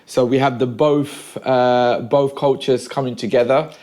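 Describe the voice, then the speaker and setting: A Sri Lankan pastor of about forty, appearing as a podcast guest, tells his story in a relaxed, casual conversation from a room at home. His voice is mid-range, and he pauses a lot and says "uh" often.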